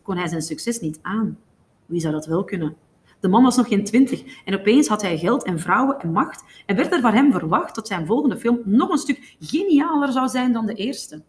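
A woman narrating a novel in a steady, even storytelling manner. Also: medium pitch. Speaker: audiobook reader.

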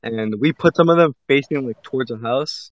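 A man in easy podcast chat tells a long, meandering story full of "like" and "bro." His voice sits at an ordinary pitch. The sound is dull and a bit lo-fi, with a dry, close feel. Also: normal speed, dry recording. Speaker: podcast co-host.

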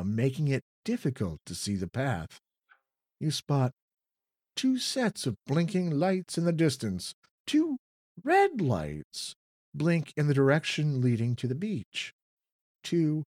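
A man reads a children's horror gamebook aloud, drawing out the words for suspense. His pitch moves in a lively way, his pace is slow, and the sound is dry and close. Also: no echo. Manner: dramatic, drawn-out storytelling. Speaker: reader.

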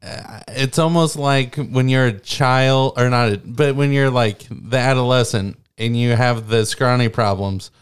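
Relaxed, agreeable podcast co-host; smooth, mid-pitched voice. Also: measured pace, hardly any pauses. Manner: relaxed, agreeable, short affirmations. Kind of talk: casual movie discussion.

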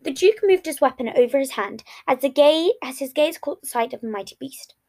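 A woman's voice: high voice, lively intonation, fairly quick, darkish tone. A woman reading fan fiction aloud, often slipping and restarting lines. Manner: reads with frequent slips and restarts. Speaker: reader.

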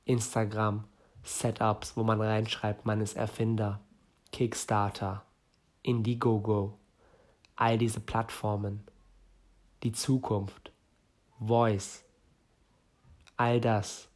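A man's voice: fairly low pitch, level tone, takes it slowly, long pauses. A man in his late twenties from northern Germany, hosting a solo podcast and giving listeners direct career and startup advice. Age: 20s. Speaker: podcast host.

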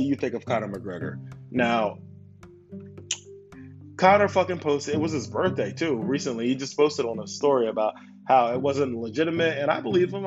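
A man giving a casual, profane rant about a fight, swearing constantly and firing questions at his viewers. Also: medium pitch. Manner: swears constantly, animated, asks the audience questions. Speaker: commentator on fights. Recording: dull lo-fi sound with loud guitar music.

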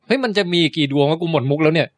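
A young man rattles off quick jokes and curious questions on a casual science podcast. He talks fast, and his voice sits somewhat high. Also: lively intonation. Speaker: podcast co-host.

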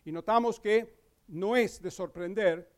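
A male pastor preaching a sermon, explaining scripture and asking the congregation rhetorical questions. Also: high voice. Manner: reads scripture aloud with slow emphasis.

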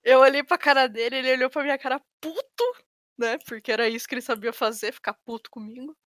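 Young girl spinning funny stories, high-ish voice, dry sound. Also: fast talker, no room sound. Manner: animated storyteller, slangy. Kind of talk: casual chat.

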